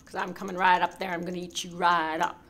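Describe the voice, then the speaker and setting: A woman voicing a mean, ugly male troll who booms his lines slowly and threateningly in a storybook tale. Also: flat delivery, a bit bright, close to an everyday voice. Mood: menacing. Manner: booming, slow and threatening.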